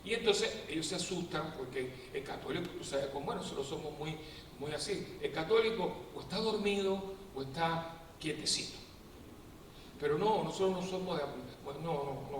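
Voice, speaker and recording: Animated priest in an echoey hall. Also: male voice, fairly high pitch. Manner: animated storyteller, acts out quotes with humor. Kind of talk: lively preaching talk to a prayer group. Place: parish prayer assembly hall. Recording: echoey hall, distant mic, faint noise.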